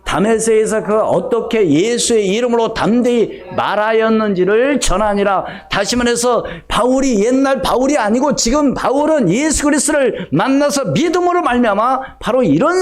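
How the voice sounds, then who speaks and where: A man's voice: very high-pitched, lively intonation, moderate pace. A middle-aged male pastor giving a conversational Sunday sermon, acting out snippets of everyday dialogue. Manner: conversational preaching, acts out gossipy dialogue.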